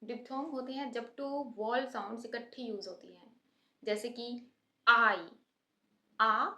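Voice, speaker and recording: A woman's voice: fairly high pitch, moderate pace, gravelly. A young adult woman with an Indian accent, teaching a phonetics lesson and patiently drilling example words one by one. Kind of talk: phonetics lesson for exam students. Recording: echoey room.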